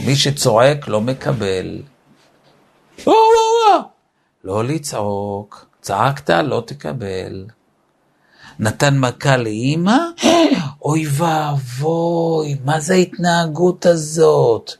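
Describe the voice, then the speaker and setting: A man giving a weekly Torah lesson on raising children. He teaches in an animated way and acts out family scenes as he goes. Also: medium pitch, gravelly.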